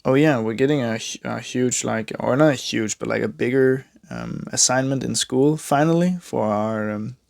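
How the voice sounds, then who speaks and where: Drawing as he talks, this young art vlogger from Denmark rambles chattily in a Danish accent, mocking himself and often restarting or using fillers. His medium-pitched voice is creaky and a little mellow, at a moderate pace with few pauses, in studio-quality sound with no room tone.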